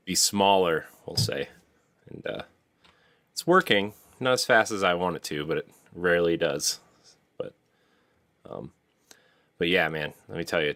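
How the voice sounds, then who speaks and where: A man co-hosting a podcast in a casual, playful, joking way. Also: sits low. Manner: playful, jokey, lively. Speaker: podcast co-host. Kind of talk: casual chat.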